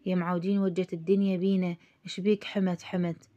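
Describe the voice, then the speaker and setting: A man's voice: high-pitched, level tone, quick pace, mellow, highs cut off, lightly acted. A woman voicing a blunt, teasing young man in Iraqi Arabic, with dry retorts.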